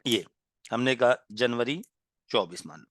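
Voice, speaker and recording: Bright, dry-voiced male trainer. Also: medium pitch, no room sound. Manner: explains slowly, with frequent "ठीक है" check-ins and asides; pauses to clear his throat and apologize. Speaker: software trainer. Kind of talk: classroom-style lecture.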